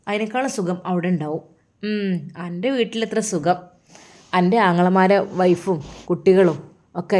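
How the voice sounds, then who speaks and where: A woman playing a sharp-tongued angry sister-in-law. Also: low voice, natural voice. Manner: scolding, sulky threats.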